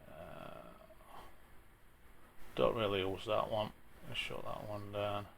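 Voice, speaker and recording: A man with a broad Yorkshire accent talking through an informal software tutorial in a plain-spoken, chatty way, with a gravelly voice. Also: on the low side, fairly even intonation, takes it slowly, a little hiss or hum. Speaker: tutorial presenter.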